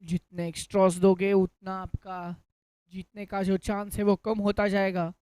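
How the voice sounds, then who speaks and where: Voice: mid-range voice, little pitch movement, moderate pace, a little mellow, clean tone, no echo. A Hindi cricket commentator calling play ball by ball, mixing in English cricket terms.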